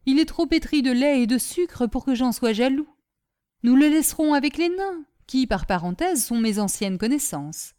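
A woman's voice: high voice, expressive, moderate pace, mellow, clear, resonant tone. A woman voicing a proud, amorous male caliph who speaks in a lordly, dismissive way in a storybook reading. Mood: imperious.

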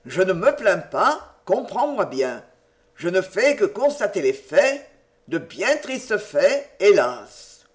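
A reader voicing a pompous, solemn male rector who sermonizes slowly and gravely. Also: mid-range voice, big pitch swings.

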